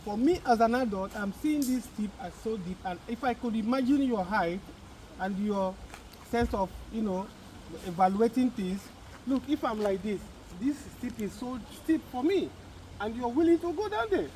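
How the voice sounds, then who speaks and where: Calm man, dad in a family vlog, measured and gently contrary, faint outdoor ambience. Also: extremely high pitch, slight background noise, low-quality recording. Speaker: father, co-host. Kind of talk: casual family vlog chat. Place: outdoors in the countryside.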